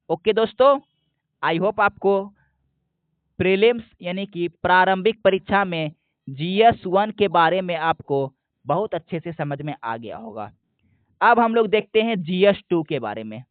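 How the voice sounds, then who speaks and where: Man, high voice, exam coach explaining step by step, dry close phone-line audio. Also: dry recording. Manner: asks a question, then answers it himself; repeats key points slowly. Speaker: exam prep teacher. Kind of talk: explanatory lesson. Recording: dry, phone-like narrow sound.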